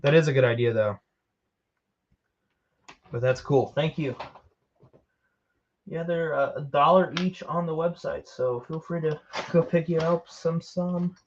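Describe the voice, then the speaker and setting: A man with a fairly high voice talks his way through a Lego build, rambling, second-guessing himself and joking at his own expense. The recording is dull and lo-fi with a faint hiss under it. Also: measured pace, long pauses. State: tired. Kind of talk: casual build commentary.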